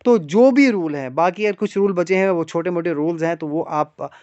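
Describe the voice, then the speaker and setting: High-voiced man teaching English grammar. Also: normal speed, a little mellow, clear, resonant tone, no room sound. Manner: explains step by step with frequent rhetorical questions and "guys". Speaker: English teacher for exam aspirants. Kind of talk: classroom lecture in Hindi mixed with English. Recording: dry, slightly dull online lecture audio.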